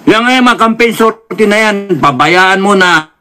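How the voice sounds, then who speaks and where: A man's voice: high voice, moderate pace. A man with a Filipino accent giving political commentary, lecturing and mixing in English phrases. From Philippines. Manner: lecturing, repeated apologies, mixes English phrases.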